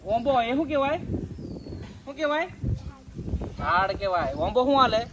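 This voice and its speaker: Brief: woman vlogger, higher-pitched, coaxing and patient. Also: big pitch swings, moderate pace, noisy background. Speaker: vlogger quizzing village children. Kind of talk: casual outdoor chat.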